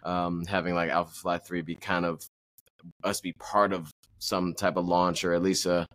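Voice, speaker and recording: A man's voice: low voice, flat delivery, moderate pace, fairly bright tone, no echo, studio quality. A man hosting a running podcast in casual chat, rambling with lots of fillers and restarts. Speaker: podcast host.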